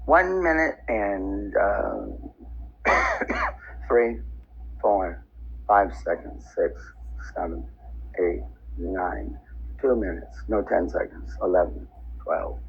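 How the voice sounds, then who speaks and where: Deep, slow man on a dictaphone memo. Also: vocal fry, husky. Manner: repetitive, fixated on dates, times and counting seconds, halting with fillers. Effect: dictaphone-style voice memo recorded on a tablet app. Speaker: man making a personal voice memo. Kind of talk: rambling self-recorded monologue. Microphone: built-in tablet microphone. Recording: dull lo-fi tablet voice-recorder audio, faint hiss.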